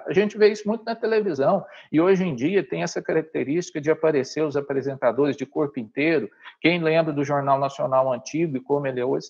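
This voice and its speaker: A man's voice: fairly high pitch, darkish tone, lo-fi sound. Brazilian man teaching over a call. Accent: Brazilian Portuguese. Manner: explanatory, addresses the audience directly, frequent "tá?" checks. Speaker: online teaching trainer. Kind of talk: live online workshop talk. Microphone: video call.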